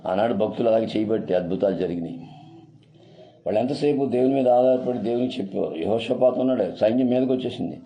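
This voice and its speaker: A man's voice: on the low side, fast, mellow. A man preaching a sermon as a pastor, emphatic and repeating his phrases for weight.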